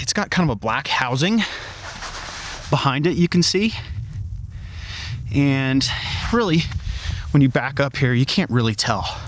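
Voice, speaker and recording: A man talks his way around a parked car outdoors in bitter cold, breathing a little hard. He chats loosely with plenty of filler words. His voice sits at a middling pitch. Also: slight background noise. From Colorado. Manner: chatty, loose, lots of "like" fillers. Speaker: car vlogger. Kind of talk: casual walkaround vlog. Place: outdoors beside a car in freezing weather.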